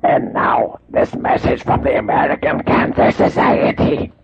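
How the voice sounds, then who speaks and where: A man's voice: unhurried, natural voice. A man playing a self-pitying smoker in a mock public service ad, with a whiny, labored, pleading delivery. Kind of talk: 1980s home-made comedy tape. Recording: muffled lo-fi cassette tape.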